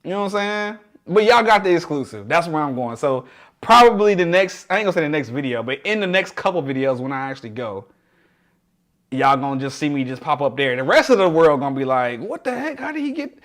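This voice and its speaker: A man's voice: mid-range voice, lively intonation, fairly quick. Chatty young man on a livestream. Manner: chatty, laughs often, talks to chat by name; drops to a hushed voice to share a secret. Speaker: livestream host. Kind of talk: casual livestream chat.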